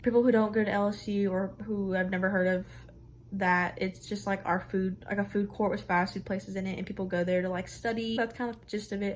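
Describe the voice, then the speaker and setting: A young adult woman, a student vlogger, chatting casually to the camera in an informal, slangy, rambling way. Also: medium pitch. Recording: noticeable background ambient noise.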